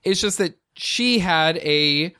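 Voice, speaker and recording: A man chatting on a podcast, his pitch leaping up and down in a lively, rambling way. His voice sits a little high for a man. The sound is dry and close. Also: slow, smooth, no echo. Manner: animated, rambling with many fillers and restarts. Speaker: podcast co-host. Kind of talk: casual chat.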